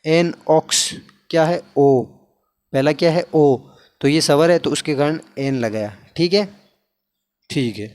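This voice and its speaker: A man's voice: a little high, a little slow, long pauses, darkish tone. A male teacher with an Indian accent explaining grammar, repeatedly asking questions and answering them himself. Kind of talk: classroom lesson explaining English articles in Hindi.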